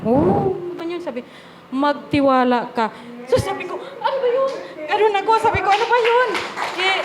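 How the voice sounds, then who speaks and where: An older woman, a grandmother, telling a church testimony in an emotional, animated way. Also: sits high, a little hiss or hum. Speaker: church member giving testimony. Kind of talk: spontaneous spoken testimony.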